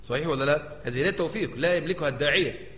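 An Egyptian sheikh lectures at a brisk clip, his slightly raised voice ringing through a large hall with a long, echoing tail. He teaches in a lively way, constantly tossing rhetorical questions back at the listeners. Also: a little high. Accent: Egyptian Arabic. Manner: animated, keeps asking the audience rhetorical questions. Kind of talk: religious lecture. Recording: echoey hall with long reverb.

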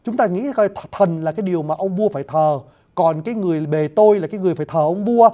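A man lectures quickly on classical poetry in a high voice with a dark tone, going through it word by word. He addresses the audience courteously and often, with hesitant fillers along the way.

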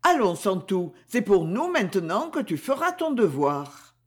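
A reader doing a young miller's wife in a storybook, sure of herself and commanding, speaking slowly. The voice is husky and rises and falls a lot. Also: medium pitch, big pitch swings. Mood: assured. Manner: assured and commanding.

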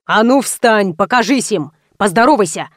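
A woman reading the part of a pushy, loud male publisher who barks orders and hustles a crowd. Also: medium pitch, lively intonation, moderate pace, no room sound, clean studio sound, lightly acted. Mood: hustling. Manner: barking, hectoring, impatient.

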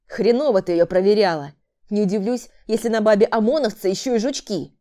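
A woman's voice: medium pitch, brisk, mellow, natural voice. A woman voicing a brutal male killer in an audiobook, harsh and barking insults at his sister. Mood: angry. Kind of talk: audiobook character voice.

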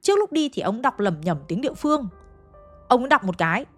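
A woman's voice: on the high side, sing-song, brisk, a bit bright, faint music behind. A woman narrating a ghost story in a chatty way, talking straight to her listeners. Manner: chatty, addresses listeners directly.

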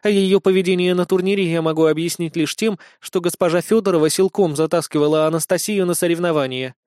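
Man doing a polite formal young noble girl, measured, audiobook. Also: sits high, a little mellow, smooth, dry recording, clean studio sound, lightly acted.

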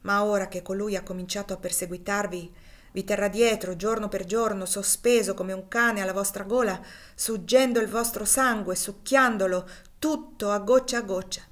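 A woman's voice: medium pitch, steady tone, moderate pace, close to an everyday voice. A woman reading aloud and voicing a fierce, bitter enslaved woman who warns with intense emphasis. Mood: grim.

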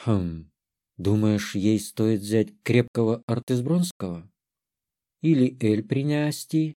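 A man voicing a smirking, wine-loving dark elf woman in an audiobook, with a low, lazy drawl. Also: lively intonation, slow. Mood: musing.

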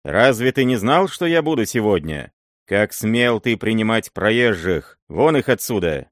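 A man voicing a young, imperious prince who shouts loud commands. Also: lowish voice, sing-song, unhurried, no echo, clean studio sound, pitched above the performer's own voice. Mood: angry. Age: young adult. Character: young, hot-tempered, commanding male prince. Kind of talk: audiobook character voice.

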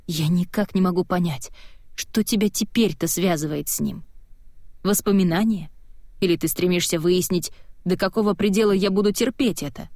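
A woman reading the lines of a stern, tired husband in an audiobook, firm, insistent and measured. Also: lowish voice, darkish tone, dry recording, clean studio sound, close to an everyday voice. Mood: pressing.

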